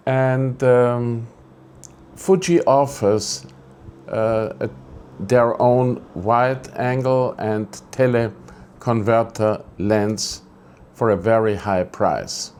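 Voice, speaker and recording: Indoors with the air conditioning switched off, a Greek man hosting a photography channel gives a casual vlog update. He grumbles and rambles, correcting himself along the way, in a medium-pitched, slightly mellow voice.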